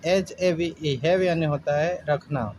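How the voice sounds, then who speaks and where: A man teaching English pronunciation. He spells each word letter by letter, slows down as he spells, then gives the word's meaning. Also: fairly high pitch, darkish tone, slight background noise, low-quality recording. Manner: slows down when spelling out words. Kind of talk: spoken English phonics lesson.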